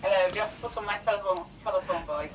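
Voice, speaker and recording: A woman calling in by phone, heard over a loudspeaker, chatting casually and telling anecdotes. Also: mid-range voice, rapid-fire. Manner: chatty, laughing, tells anecdotes. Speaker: caller, a host's wife. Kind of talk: casual chat.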